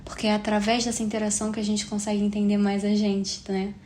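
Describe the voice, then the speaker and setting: A woman's voice: mid-range voice, level tone, fast talker, darkish tone. Roomy-sounding Carioca woman in her twenties. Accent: Carioca Brazilian Portuguese. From Rio de Janeiro, Brazil. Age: 20s. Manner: chatty and reflective, frequent tag questions. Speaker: podcast host. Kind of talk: solo podcast monologue. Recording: roomy echo with faint hiss.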